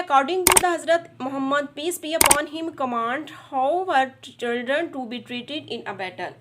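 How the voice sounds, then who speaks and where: A woman with a Pakistani accent teaching a schoolbook lesson, reading English slowly and explaining it in Urdu to children. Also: sits high, a little hiss or hum. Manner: addresses children directly.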